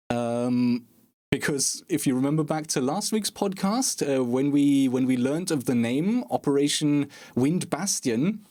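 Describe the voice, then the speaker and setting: A man's voice: mid-range voice, darkish tone. A man hosting a casual gaming podcast, chatty and self-deprecating, with sarcastic asides. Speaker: podcast host.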